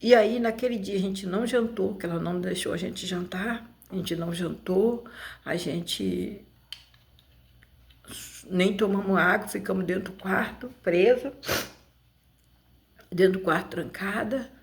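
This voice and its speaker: A woman giving emotional personal testimony in a halting, repetitive way, with many restarts. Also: mid-range voice, vocal fry. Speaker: interview guest.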